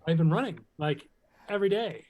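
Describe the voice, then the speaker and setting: A man's voice: a little high, expressive, a little fast, darkish tone. A man joining as a contestant, out of breath and chatty, telling a story with amusement. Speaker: game show contestant. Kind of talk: casual chat.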